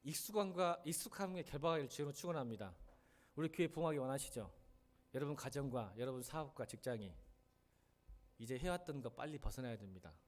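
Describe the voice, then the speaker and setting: A middle-aged male senior pastor preaching a sermon in a church sanctuary, emphatic and animated, often acting out the lines he quotes. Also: mid-range voice, quick pace.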